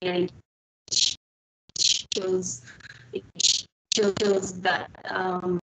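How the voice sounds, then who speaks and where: A woman's voice: lowish voice, completely flat delivery, very slow, background noise. A woman speaking hesitantly as a panelist, her voice breaking up over an unstable video call connection. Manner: hesitant, many fillers and restarts. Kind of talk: online panel discussion. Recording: muffled lo-fi video call audio.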